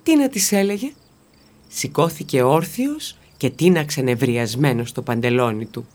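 A woman narrating a children's story in a steady, expressive reading voice. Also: very deep voice.

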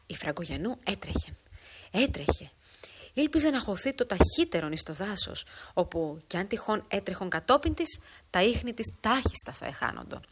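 A woman reading a literary story aloud, in a measured, formal storytelling manner. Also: medium pitch, sing-song, noisy background. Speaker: narrator. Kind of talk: scripted narration of a literary story.

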